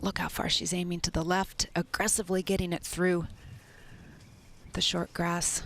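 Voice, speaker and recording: A man giving live golf tournament commentary in a measured, analytical way. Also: high-pitched, little pitch movement, gravelly, fairly bright tone. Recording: crowd and outdoor noise behind. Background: spectators and outdoor course ambience.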